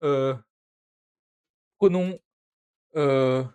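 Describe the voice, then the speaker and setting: A man's voice: mid-range voice, extremely slow, dark tone, clean tone. A man streaming a video game, talking casually and hesitantly as he plays. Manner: chatty, hesitant, many filler sounds. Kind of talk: casual gameplay commentary.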